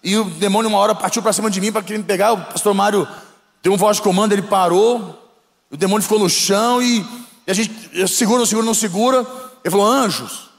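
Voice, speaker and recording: High-voiced Brazilian preacher in an echoing church. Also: male voice. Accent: Brazilian Portuguese. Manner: lively, dramatic, addresses the congregation. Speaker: bishop. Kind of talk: sermon storytelling.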